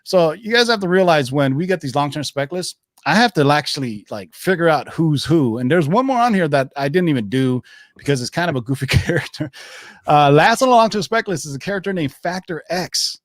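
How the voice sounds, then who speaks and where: A man's voice: on the high side, animated, brisk, no echo, studio quality. A man hosting a casual comic-book livestream, hyping things up like a giveaway announcer in a rambling, joking, salty and informal way. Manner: salty, jokey, informal address. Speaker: livestream host.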